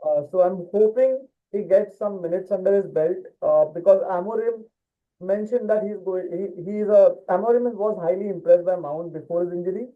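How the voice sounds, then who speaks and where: A man's voice: high voice, normal speed. A man co-hosting a casual football chat, talking with many fillers and restarts. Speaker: podcast co-host. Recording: tinny phone-like line.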